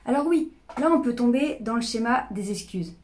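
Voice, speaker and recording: A woman's voice: fairly high pitch, animated, normal speed, a little mellow. A woman in her thirties speaking candidly to camera, with fillers and restarts, about her own life. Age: 30s. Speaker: personal development YouTuber. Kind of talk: casual talk to camera.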